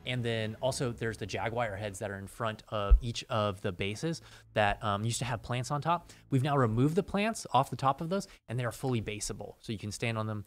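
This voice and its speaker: A man's voice: medium pitch, fairly quick. A man presenting game updates as a developer in casual, explanatory show talk.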